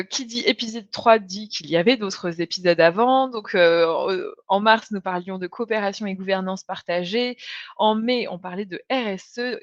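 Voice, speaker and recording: A woman hosts a live online webinar, friendly and chatty, often pausing on small fillers and restarts. Her voice comes through a video call with a dry, slightly dull, lo-fi sound. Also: mid-range voice, no echo. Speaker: host.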